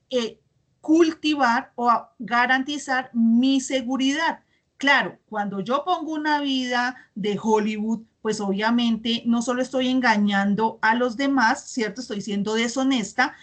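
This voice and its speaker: Woman teacher checking in often. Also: on the high side. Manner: checks understanding with frequent tag questions. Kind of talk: online class, reading chat comments aloud.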